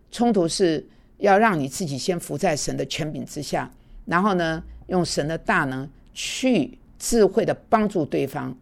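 A woman's voice: deep voice, creaky, darkish tone. A woman teaching an online Bible class, earnest and conversational, slipping in English words now and then.

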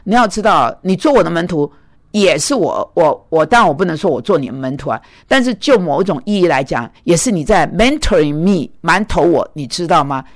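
Woman preacher, blunt, scolding, lower-pitched voice, animated delivery. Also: a little fast. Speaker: preacher and mentor. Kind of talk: sermon. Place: speaking in Manhattan.

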